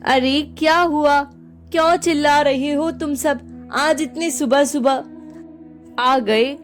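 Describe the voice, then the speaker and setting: A woman's voice: sits high, steady tone, slow pace, faint music behind. A woman voicing an old village pickle seller who talks in fussy exclamations. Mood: bewildered.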